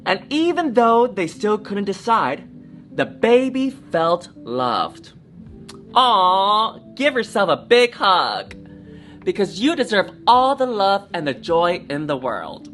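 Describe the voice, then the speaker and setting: With soft background music, this storytime reader performs a picture book in a dramatic, supportive style, frequently addressing the children listening. Her medium-pitched voice is fairly bright and sing-song, and she reads slowly.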